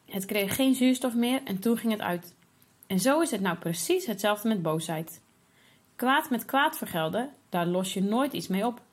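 A woman voicing a patient, firm mother who gently explains a lesson in a children's story. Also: mid-range voice, lively intonation, moderate pace, slightly rough. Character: calm, patient, wise mother.

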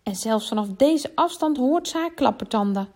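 A woman reading a children's Christmas story aloud, expressive and lively, giving the characters their own voices. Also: sits high, normal speed.

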